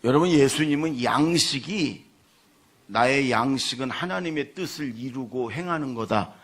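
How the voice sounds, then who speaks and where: A man preaching a Sunday sermon as pastor, telling stories and swinging from soft asides to loud acted-out lines. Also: mid-range voice, moderate pace.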